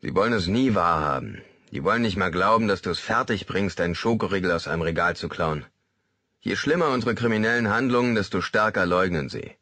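A man's voice: low voice, expressive, fairly quick, pushed and bright, no room sound, full character voice. A man voicing a veteran male prisoner who speaks in a sonorous tone. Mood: knowing. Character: veteran male jailbird, sonorous and world-weary.

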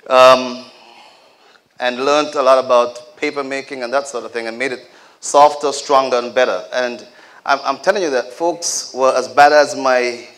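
A man's voice: medium pitch, steady tone, moderate pace, a bit bright. A man addressing a community celebration as a former leader of the group. He speaks straight to the audience with humorous asides. His exhortations fall into a preacher-like cadence. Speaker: community leader giving a speech.

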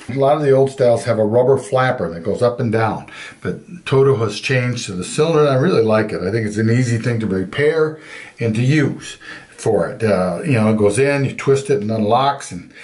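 An older man, a master plumber, explaining toilet parts in a casual how-to, plain-spoken with frequent pauses and fillers. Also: fairly low pitch, darkish tone. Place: home bathroom.

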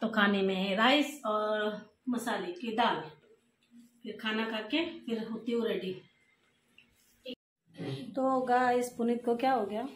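A woman's voice: on the high side, fairly even intonation, takes it slowly, long pauses, a little hiss or hum. A woman in her thirties filming a casual family vlog at home, talking to viewers and snapping back in a quarrel with her husband. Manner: chatty, addresses viewers, turns sharp when arguing. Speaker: vlogger. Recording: echoey home room.

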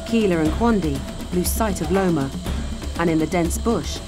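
A woman with a slightly low voice gives measured, scripted narration for a wildlife documentary. Music plays clearly beneath her. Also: lively intonation.

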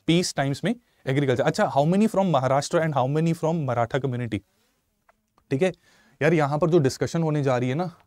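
A Punjabi man in his thirties delivers a live online exam-prep lecture from a studio, standing before a slide screen and wearing a lapel mic. His mid-range voice is animated and echo-free; he gestures a lot, switches between Hindi and English, and asks viewers questions.

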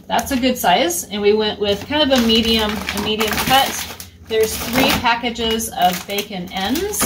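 A woman's voice: fairly high pitch, noisy background. A woman in her thirties chatting casually as she walks through her homestead rooms, explaining things step by step. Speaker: homesteader vlogger. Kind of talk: casual show-and-tell. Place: small indoor utility room.

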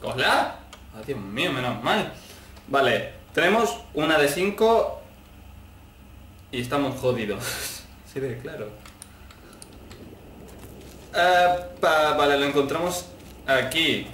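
A man from commenting casually on a horror game, excitable, swearing and yelling at it. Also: fairly high pitch, slow, pauses often, reverberant, recorded from a distance, slight background noise. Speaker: gameplay commentator.

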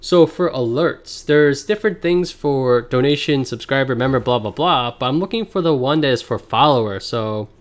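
A man streaming a card game, chatting casually with viewers and thinking out loud as he plays, heard through livestream headset audio. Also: medium pitch, normal speed, hardly any pauses. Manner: thinks aloud, reads card text, chats with viewers. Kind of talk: casual gameplay commentary. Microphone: livestream headset mic.

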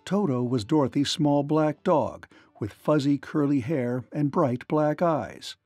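A man narrating a children's read-along storybook in an expressive, lilting manner. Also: on the high side, measured pace, no echo.

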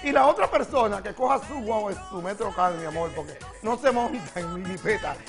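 A man's voice: high voice, expressive, brisk, soft background music. A man playing a flamboyant, gossiping country woman from the Dominican Republic who hosts a comedy gossip segment, speaking with a Dominican accent, giggling and calling everyone "mi amor". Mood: sassy. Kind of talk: TV comedy sketch character.

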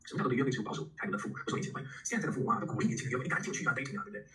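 A middle-aged man teaching English vocabulary in a lively, chatty lecture, spelling words out letter by letter. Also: mid-range voice, rapid-fire, faint music behind, poor audio.

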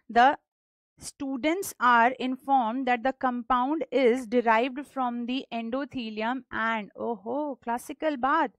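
Woman, North Indian accent, high voice, emphatic lecturer, bilingual code-switching, question-and-answer teaching style, dry studio sound. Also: no room sound. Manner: emphatic, repeats key points, asks and answers own questions. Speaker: pathology teacher. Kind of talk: exam question lecture mixing English and Hindi.

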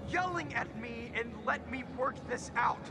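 A man's voice: very high voice, normal speed, vocal fry. An actor playing a flustered young man trying to rescue a friend in a video game, answering defensively. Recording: game audio with loud music.

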